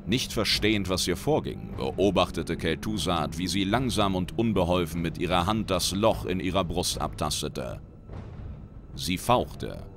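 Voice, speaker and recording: Deep-voiced male narrator, dramatic measured read, music bed. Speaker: reader and lore commentator. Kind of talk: reading a fantasy short story aloud. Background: background music.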